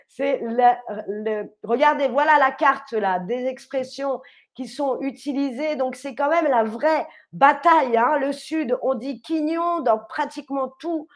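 A woman's voice: high voice, slow. A woman streamer chatting with her viewers and quizzing them, laughing often and stretching out key words. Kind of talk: live-stream quiz chat with viewers.

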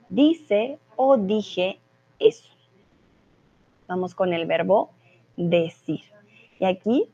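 A woman's voice: mid-range voice, darkish tone, dull audio. A woman teaching a live online class, patiently explaining grammar with repeated example sentences. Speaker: Spanish teacher. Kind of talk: live online language lesson.

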